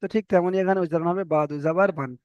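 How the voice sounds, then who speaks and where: Male teacher, high clear voice, dry and slightly muffled recording, spells letters then chants them slowly. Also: steady tone, a little mellow, no echo. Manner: spells letters and vowel marks aloud, then draws out the chanted word slowly. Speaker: Quran reading teacher. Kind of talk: spelled-out recitation lesson.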